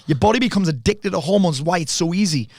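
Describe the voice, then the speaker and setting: Fast-talking, animated man, close and dry. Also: high voice, gravelly, no room sound. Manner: animated storyteller, swears freely. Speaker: podcast guest. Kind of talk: casual conversation.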